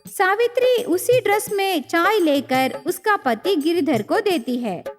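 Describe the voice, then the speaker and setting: A woman narrating a storybook cartoon in a plain, measured way. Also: extremely high pitch, animated, soft background music.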